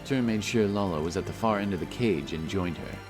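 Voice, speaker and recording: Here a man reads scripted fantasy narration for an audiobook, casting himself as a dramatic storyteller. His low-pitched voice moves fairly quickly over loud background music.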